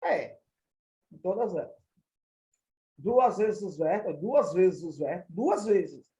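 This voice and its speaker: A man's voice: sits high, big pitch swings, slow pace, warm tone, reverberant, highs cut off. A male math teacher with a Brazilian Portuguese accent, patiently repeating and counting through each example step by step. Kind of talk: recorded classroom lesson.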